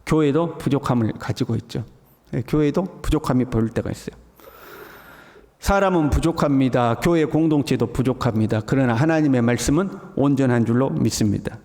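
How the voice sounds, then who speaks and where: A man's voice: mid-range voice, a little fast, a little mellow. A male pastor giving an early morning sermon, often acting out the mocking voices of scoffers. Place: church sanctuary. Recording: church hall with long reverb.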